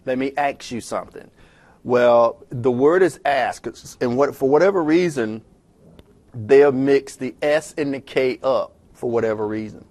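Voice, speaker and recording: A man talking fast and conversationally as he records a lecture walking through a textbook chapter, with frequent restarts. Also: mid-range voice, darkish tone. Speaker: instructor. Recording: self-recorded lecture audio.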